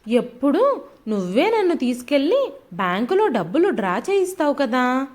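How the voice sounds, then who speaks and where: A woman's voice: high-pitched, sing-song, normal speed. A woman doing a frail, pleading old man. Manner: soft, pleading. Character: frail elderly father-in-law, pleading gently.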